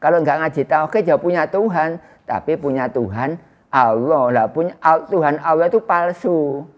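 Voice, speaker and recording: A man in his sixties with an East Javanese accent, giving an Islamic study lecture to a small indoor congregation in a loud, projecting voice without a microphone, chatting with his listeners. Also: fairly high pitch, normal speed, highs cut off. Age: 60s. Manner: conversational, teasing the audience. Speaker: religious teacher. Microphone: no loudspeaker or microphone used.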